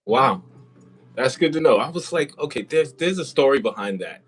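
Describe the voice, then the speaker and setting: A man's voice: medium pitch, lively intonation, moderate pace, fairly bright tone, breathy edge, low-quality recording. A man hosting a casual live interview, chatty and rambling with many fillers. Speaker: host. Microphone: compact wireless mic.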